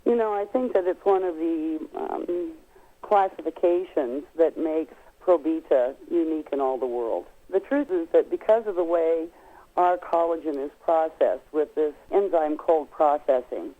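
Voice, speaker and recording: Speaking by phone as a guest expert on nutrition products, this woman has a low-sitting voice and a measured pace. She explains things emphatically and folksily, drawing out important words, and the narrow-band line sounds tinny.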